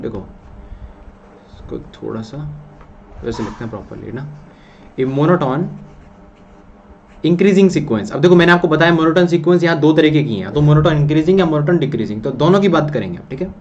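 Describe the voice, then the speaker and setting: Indian man teaching a slow maths lecture. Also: a little high, lively intonation, darkish tone. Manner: slow, repetitive explaining, checks in with "theek hai?". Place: room with lights out. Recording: dull lo-fi sound with faint hiss.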